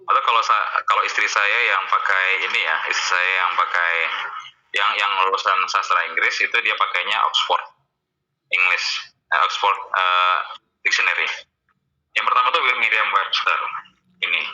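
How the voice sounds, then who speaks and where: A man's voice: low-pitched, fairly even intonation, moderate pace, sharp tone. A man giving a casual online lecture to students, chatty, with many fillers, over dull lo-fi call audio. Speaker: university lecturer. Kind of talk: online lecture with screen sharing.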